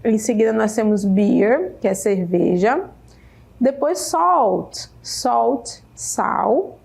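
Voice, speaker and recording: Slow, patient Brazilian woman teacher. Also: fairly high pitch, lively intonation, vocal fry, darkish tone, slightly rough. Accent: Brazilian Portuguese. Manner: repeats each English word several times, adds "né?". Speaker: English teacher. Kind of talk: slow, careful classroom explanation. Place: state school media center studio.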